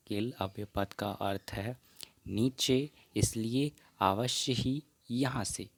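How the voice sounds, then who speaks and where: A male teacher leads an exam practice lesson, working through quiz questions and reading each answer option aloud. His voice sits a little low, and he talks at a slow, unhurried pace. He often slips English phrases into his explanations. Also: no echo.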